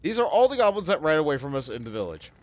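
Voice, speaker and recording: A man's voice: a little high, sing-song, racing, lo-fi sound. A man hosting a let's play, thinking aloud in casual game commentary, full of fillers.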